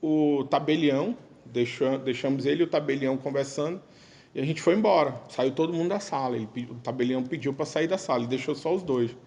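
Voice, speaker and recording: A man recounting a family story as a spoken testimony in a temple, conversational, pausing and restarting as he quotes his relatives. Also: mid-range voice, darkish tone.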